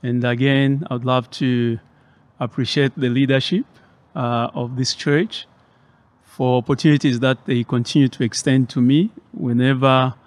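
Guest preacher, man from Zambia, middle-aged, slow deliberate delivery full of pauses and fillers, mid-pitched. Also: level tone. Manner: measured, hesitant with many fillers. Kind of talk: sermon. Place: church.

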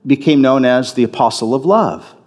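A man's voice: mid-range voice, normal speed, darkish tone. A man preaching a sermon as a pastor in a church, talking conversationally, often restarting and repeating phrases for emphasis.

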